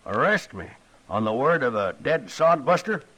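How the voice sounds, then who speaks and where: An actor playing a mean, threatening older rancher in a 1950s radio drama, gruff and contemptuous. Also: male voice, medium pitch, very animated, normal speed, a bit bright, poor audio. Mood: menacing.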